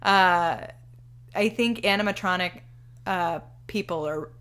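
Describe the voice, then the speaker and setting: A woman's voice: on the low side, slow pace, a bit bright. Giggly rambling woman podcast co-host. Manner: giggly, rambling, self-deprecating. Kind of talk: casual podcast chat.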